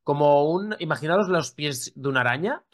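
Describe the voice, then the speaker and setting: A man's voice: fairly high pitch, animated, brisk. A man co-hosting a casual podcast, who breaks in with chatty asides. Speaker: podcast co-host. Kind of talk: casual chat.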